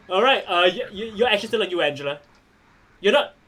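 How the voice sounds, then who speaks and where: A man runs a tabletop wrestling game as its game master, animated and quick to laugh. His voice sits high for a man. It has a bright, sharp edge.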